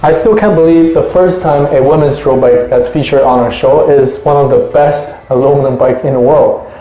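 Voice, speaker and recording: A man's voice: mid-range voice, steady tone, normal speed, warm tone. A man hosting a review show, presenting in an upbeat, enthusiastic scripted way. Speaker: host of a bike review show. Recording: roomy echo, faint music.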